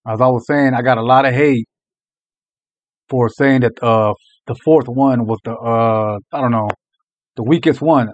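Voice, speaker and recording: A man's voice: medium pitch, fairly even intonation, measured pace, lo-fi sound. A young man giving casual, blunt and profane reaction commentary as a video host. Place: small room indoors.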